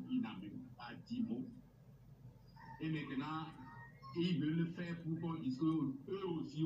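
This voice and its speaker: A man's voice: medium pitch, background noise. Guy calling into a radio show on a dull phone line, sounds roomy and a bit far off, hesitant complaining tone. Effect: phoned-in caller voice over radio. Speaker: radio caller. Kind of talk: call-in comment.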